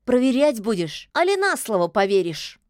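Woman as a defiant snappy witch, high voice, lively and bouncy, dry close sound. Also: moderate pace, dry recording. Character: sharp-tongued stubborn fairy-tale witch, feisty. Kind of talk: audiobook character voice.

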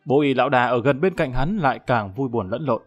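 A man's voice: medium pitch, expressive, a little fast, faint music behind. A man reading a dramatic story as an audiobook narrator.

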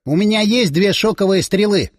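A man voicing a nervous young male crossbowman who makes eager, hurried offers in an audiobook. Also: high voice, lively intonation, darkish tone, no echo, clean studio sound, pitched above the performer's own voice. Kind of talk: audiobook character voice.

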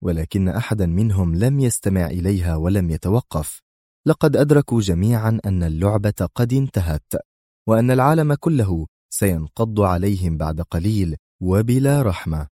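A man's voice: sits low, expressive, brisk, dark tone, no echo, clean studio sound. A man reading an action thriller as a dramatic audiobook narrator.

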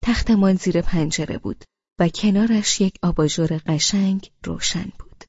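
A woman narrating a novel in the first person, with expressive storytelling. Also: medium pitch, no echo, lo-fi sound. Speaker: audiobook narrator.

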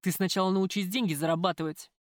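A woman voicing a domineering middle-aged father in an audiobook, gruff and commanding as she scolds his son. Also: lowish voice, fairly even intonation, quick pace, no room sound, clean studio sound, lightly acted. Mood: mocking, bossy.

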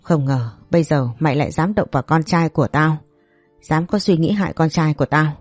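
A woman's voice: deep voice, fairly quick, darkish tone, dry recording, faint music behind. A woman voicing a fierce, protective young mother in a storybook, cursing in rage. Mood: furious. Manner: fierce and cursing, then cold.

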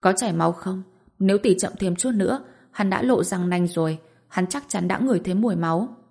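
A woman's voice: medium pitch, brisk, creaky, slightly rough. Woman voicing a tense young nobleman. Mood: urgent. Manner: urgent, hushed anger.

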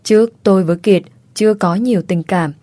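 A woman's voice: medium pitch, a little fast, dark tone, no room sound. Woman reading a first-person story. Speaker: story narrator.

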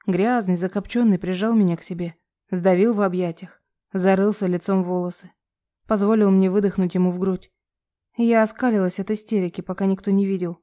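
A woman narrates a first-person novel with a dramatic, expressive delivery. Her voice has a soft, mellow tone, and she sits at an ordinary pitch for a woman. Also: fairly quick. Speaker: audiobook narrator.

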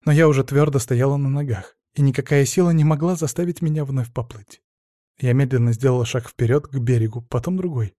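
A man reading a suspense novel aloud in a slow, tense way. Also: mid-range voice, dark tone, no room sound, studio quality. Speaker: audiobook reader. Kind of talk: scripted narration.

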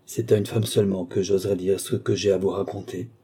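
A man's voice: low-pitched, level tone, brisk, warm tone, husky. A man reading the part of a frightened young Roman noblewoman in an audiobook, in a pleading voice. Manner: pleading, fearful.

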